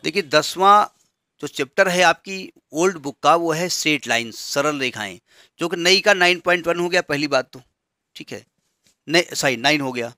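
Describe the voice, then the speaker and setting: A man teaches maths in a bright, fairly high voice. He counts steadily through question numbers and keeps checking that his students follow. The sound is close and dry, with no room echo. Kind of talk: classroom lesson explaining textbook changes.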